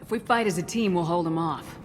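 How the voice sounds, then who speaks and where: Actress as tough female space commander, lowish voice, firm, direct, no-nonsense, game dialogue over music. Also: fairly quick, natural voice. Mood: firm, businesslike. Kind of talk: video game voice acting.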